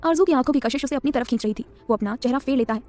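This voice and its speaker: Fast-reading woman storyteller. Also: high-pitched, darkish tone. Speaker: narrator. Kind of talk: audiobook story narration.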